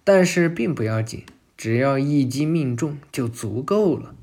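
A man's voice: medium pitch, animated, unhurried, a little mellow. A man voicing a cocky, menacing male villain from an anime in a sneering, taunting tone.

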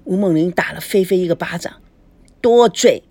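A woman narrating a storybook in a brisk, expressive way. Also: fairly low pitch, no echo.

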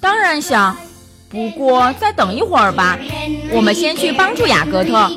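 A woman's voice: sits high, big pitch swings, moderate pace, over music. A woman voicing a good-hearted young male duck who talks in an eager, good-natured way. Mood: earnest.

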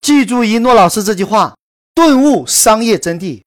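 A woman telling a promotional story in a brisk, emphatic scripted sales delivery. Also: a little high, expressive. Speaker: course promoter narrator.

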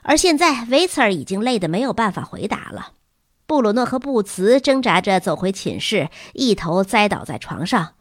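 A woman reads a children's storybook with a lively, swooping delivery. Her voice has a husky, breathy grain. It sounds close and dry, with no room around it. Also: medium pitch, moderate pace, no room sound. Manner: animated, acting out characters. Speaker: audiobook narrator. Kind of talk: storybook reading.

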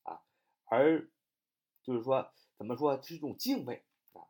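A man's voice: mid-range voice, animated, measured pace, gravelly, a little mellow. A man teaching English vocabulary, explaining word meanings and spelling words out letter by letter, with many filler sounds.

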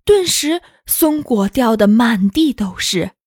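Lady reading a kids' story, kinda husky, dry close mic, mid pitch. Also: animated, slow pace, a little mellow, no room sound. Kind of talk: children's story narration.

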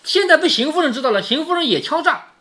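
A man's voice: very high voice, quick pace. A man retelling a classic novel as a storyteller, mixing the reading with chatty commentary and rhetorical questions to the listener. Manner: animated, shifts between reading and chatty explaining.

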